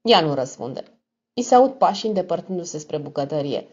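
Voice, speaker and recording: A woman narrating a crime novel audiobook in a measured, expressive reading. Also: deep voice, husky. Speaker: audiobook reader. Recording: dull lo-fi recording.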